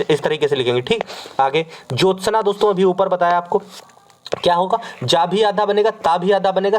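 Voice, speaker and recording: Fairly high-voiced man drilling spelling rules. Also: a little hiss or hum. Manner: repetitive, drills each word several times, addresses viewers as friends. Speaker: teacher. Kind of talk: exam-prep lesson.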